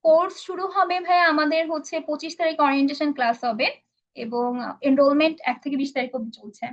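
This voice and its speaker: A woman's voice: high voice, steady tone, fast. A woman instructor answering viewers' questions in a live online English class. She explains patiently, with many fillers, and mixes in English phrases. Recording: dull lo-fi stream audio.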